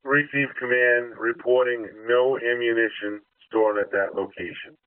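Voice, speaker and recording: A man's voice: mid-range voice, steady tone, a little slow, clean tone, no echo. A man working as a fire dispatcher, procedurally repeating messages back over a two-way radio. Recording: distant, tinny narrowband radio channel.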